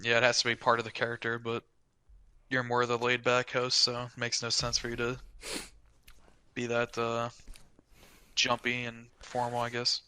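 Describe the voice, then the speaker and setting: A man's voice: medium pitch, completely flat delivery, normal speed, bright, forceful tone, clear, resonant tone, no room sound. A man being interviewed as a podcast guest, explaining things steadily in a rambling way with lots of "you know" and "like". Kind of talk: casual interview talk.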